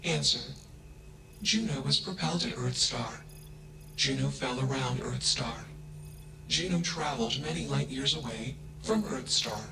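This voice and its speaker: A man voicing a flat, emotionless AI. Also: mid-range voice, a little slow, loud music behind the voice, natural voice, poor audio. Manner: flat, emotionless, clipped one-word labels before each statement. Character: flat emotionless AI, genderless machine mind. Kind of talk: video game character dialogue. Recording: game audio with steady hum behind.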